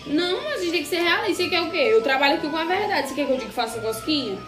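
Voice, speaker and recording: A woman's voice: high-pitched, animated, very fast. A woman acting out comedy sketches, blunt and sarcastic, flipping from sweet baby talk to threats. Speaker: comedy sketch performer playing a nurse and a lifeguard. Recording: echoey room with loud music.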